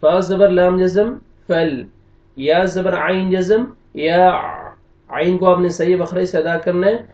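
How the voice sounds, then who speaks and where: This tajweed teacher has a high, darkish voice with fairly even intonation and a Pakistani Urdu accent. He spells out letters and vowel marks, then recites slowly in long drawn-out notes, switching between that and quick explanation. The audio is lo-fi, dull, distant and roomy.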